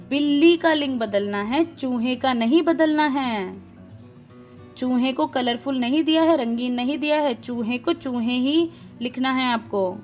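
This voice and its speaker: A woman's voice: sits high, darkish tone. A woman teacher explaining a grammar exercise to young pupils step by step, asking questions and answering them herself. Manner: patient, explains step by step and repeats key words. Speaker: school teacher.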